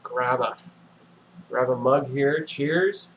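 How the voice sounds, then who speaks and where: A man hosting a casual livestream, thinking aloud in a relaxed, musing way with many fillers. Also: mid-range voice, slow, a little hiss or hum, poor audio. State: relaxed and yawning. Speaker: livestream host.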